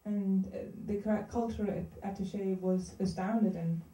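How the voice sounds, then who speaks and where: A woman's voice: medium pitch, steady tone, a little slow, dark tone. A woman acting as an interpreter retells a sermon sentence by sentence, with small self-corrections along the way. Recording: roomy hall, distant mic.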